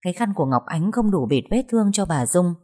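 A woman narrating a story in a steady, even way. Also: lowish voice, fast, husky. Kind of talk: scripted narration.

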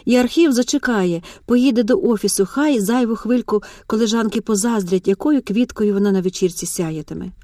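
A woman's voice: mid-range voice, fairly quick, few pauses, dark tone, dry recording, clean studio sound, natural voice. A woman voicing an anxious young female office worker who pleads in a flustered way. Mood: hopeful.

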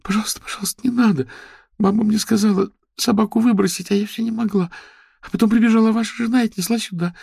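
A man's voice: fairly even intonation, fast talker, creaky, a little mellow, breathy edge, no echo, studio quality, full character voice. A man reading an audiobook, voicing a tearful, frightened young woman who pleads between sobs. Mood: tearful pleading. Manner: sobbing, pleading, high-pitched.

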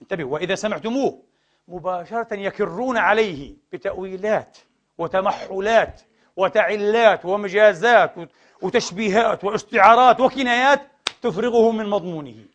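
Fast, high-voiced preacher man. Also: a bit bright. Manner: emphatic, rhetorical questions, repeats words for stress. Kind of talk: sermon lecture to a congregation.

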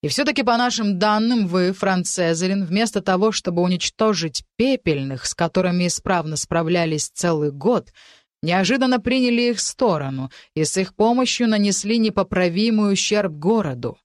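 A woman's voice: mid-range voice, animated, moderate pace, dry recording, clean studio sound, close to an everyday voice. A woman reading an audiobook, voicing a domineering male marquis who gives orders and hisses his contempt. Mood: accusing. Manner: hissing, commanding.

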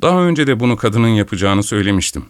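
A shrewd, self-assured male detective reasons things out aloud in a storybook reading, played by a man. The voice is on the low side. The sound is dry. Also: big pitch swings, fast talker, clear, resonant tone, no room sound. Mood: confident. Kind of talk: audiobook character voice.

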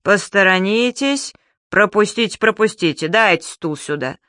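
A woman voicing a burly, stern policeman in an audiobook, giving slow, commanding orders. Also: medium pitch, lively intonation, pushed and bright, no room sound, clean studio sound.

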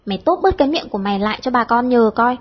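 A brisk, sharp-tongued teenage ringleader, as a woman reader acts her out, quick to give orders and to tease. Her voice sits high with a husky edge. The sound is dull and lo-fi. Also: animated. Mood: bossy. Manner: brisk, commanding, mock-stern. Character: bossy, sharp-tongued teenage schoolgirl leader.

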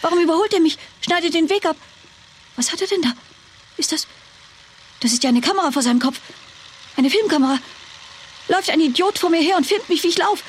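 A woman's voice: very high voice, lively intonation, fairly quick, long pauses, slight background noise. An actress playing a young woman fleeing a hijacked plane, speaking her thoughts in a breathless, broken inner monologue. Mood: agitated. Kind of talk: radio drama inner monologue.

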